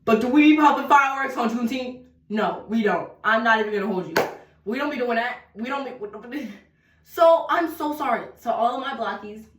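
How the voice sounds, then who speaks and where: A young woman, telling a story in a chatty, dramatic way full of slang. Her voice sits a little high. It sounds roomy, with some distance from the mic. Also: expressive, a little fast, noisy background. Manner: chatty, dramatic, slangy, breaks into sing-song bits. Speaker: vlogger. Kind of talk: casual storytime while getting ready. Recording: roomy echo, voice a bit off-mic.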